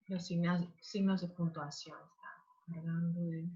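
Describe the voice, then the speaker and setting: A woman teacher giving an online class, talking slowly with many pauses and fillers. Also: fairly low pitch, level tone, warm tone, lo-fi sound. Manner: slow, hesitant with many fillers.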